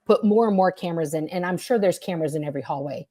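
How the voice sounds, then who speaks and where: A woman with a somewhat low voice talks over a computer mic on a video call. She tells her story in a lively, casual way, full of fillers and the odd curse. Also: racing. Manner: animated storyteller, frequent fillers and swearing. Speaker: guest, former member recounting experiences.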